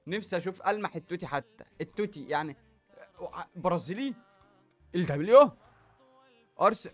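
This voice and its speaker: A young man with an Egyptian accent giving excited commentary while opening packs in a football game, groaning and exclaiming at each result. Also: high-pitched, brisk, soft background music. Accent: Egyptian Arabic. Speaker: gaming YouTuber.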